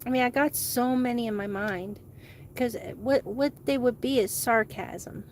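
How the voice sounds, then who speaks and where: A woman host rambling excitedly in a casual monologue, laughing often. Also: on the high side, measured pace, a little hiss or hum. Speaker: channel host.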